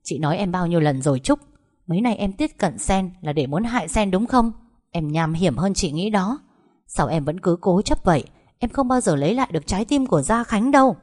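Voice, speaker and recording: A woman voicing a scheming, sharp-tongued sister-in-law who scolds servants. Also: on the low side, animated, fairly quick. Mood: scolding. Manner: scolding, sneering.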